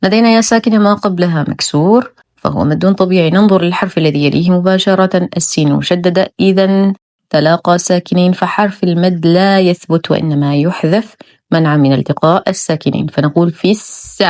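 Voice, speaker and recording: A woman with a low, steady voice teaches recitation step by step, sounding out each letter slowly before she explains the rule. The recording is dry and close, with no room sound. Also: no room sound. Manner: calm, methodical, demonstrates sounds slowly then explains. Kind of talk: slow, careful tajweed lesson.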